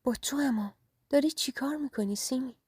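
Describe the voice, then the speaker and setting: A woman's voice: high voice, a little mellow, breathy edge, no room sound, clean studio sound, voice pushed up. Woman voicing a lovesick young man. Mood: insistent. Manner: tender, pleading.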